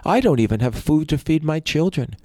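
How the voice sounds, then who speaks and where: A man's voice: a little high, animated, fairly quick, dark tone, no room sound, studio quality, pitched above the performer's own voice, natural voice. A man voicing a poor, humble peasant man who sounds earnest and worried, speaking in a raised, pleading voice.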